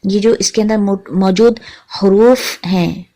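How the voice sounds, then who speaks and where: A woman teaching a tajweed lesson, patiently naming letters one by one and repeating each sound slowly. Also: mid-range voice, steady tone, mellow. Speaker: Quran recitation teacher.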